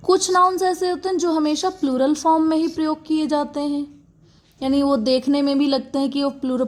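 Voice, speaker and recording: Woman, grammar teacher, high voice, slow deliberate delivery, checks in often. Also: a little mellow. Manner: explains patiently, repeating words and checking with "okay" and "theek". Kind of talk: classroom grammar lesson.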